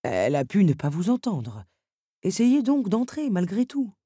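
A woman voicing a male beast, lord of the castle, calm and commanding. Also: medium pitch, normal speed, breathy edge, no echo, studio quality, pitched above the performer's own voice. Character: gruff lordly beast, male, worried master.

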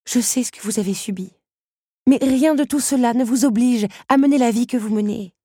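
A woman's voice: lively intonation, normal speed, dark tone, slightly rough, dry recording, studio quality. A woman voicing Belle, a stubborn, fiery young woman, in an audiobook reading. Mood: insistent. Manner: pleading and indignant, raised pitch.

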